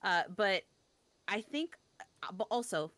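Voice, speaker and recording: Bright, animated young woman storyteller. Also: medium pitch, dry recording. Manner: storytelling, self-deprecating, quick restarts. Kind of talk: casual chat.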